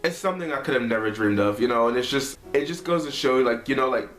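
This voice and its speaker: A man's voice: mid-range voice, fast, a bit bright. A man in his twenties telling a personal story to camera in a casual, heartfelt way, leaning on "like" and "you know.". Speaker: vlogger. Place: his apartment, indoors. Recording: echoey room, faint music behind.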